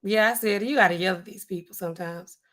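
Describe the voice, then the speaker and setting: This is a woman pharmacist livestreaming from a home studio with a neon sign, casually chatting and reading comments. Her voice is weak, husky and hoarse. Animated by default, she turns low and slow to sound stern.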